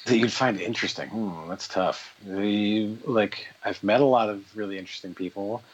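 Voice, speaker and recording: A man's voice: on the low side, moderate pace. Man telling stories, slightly lo-fi. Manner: animated storyteller, quotes people in voices. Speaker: podcast guest. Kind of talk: casual interview chat, storytelling. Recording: dull lo-fi sound.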